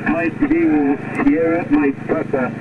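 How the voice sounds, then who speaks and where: A man on a portable amateur radio set, heard through a receiver with clipping audio that chops in and out. He talks in halting bursts and spells things out with the phonetic alphabet. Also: on the high side, sing-song. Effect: clipping, chopping radio audio that cuts in and out. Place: outdoors in the field, off the main station. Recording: tinny radio receiver, distant, heavy noise.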